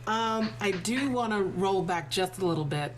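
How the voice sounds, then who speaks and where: A woman's voice: mid-range voice, expressive, normal speed, a little hiss or hum. A woman playing in a tabletop role-playing game, chatting casually and apologetically over livestream headset audio. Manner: chatty, apologetic, breaks into laughs.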